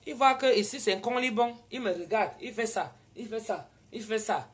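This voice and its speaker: Animated woman with a Cameroonian French accent. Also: on the high side, normal speed. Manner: animated, switches into loud indignant retorts when quoting herself. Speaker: vlogger. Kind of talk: casual storytelling.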